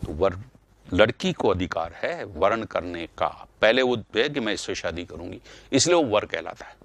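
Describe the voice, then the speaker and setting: A man's voice: lowish voice, expressive, normal speed, creaky. A male teacher giving an online grammar lesson, asking rhetorical questions and repeating key words for stress.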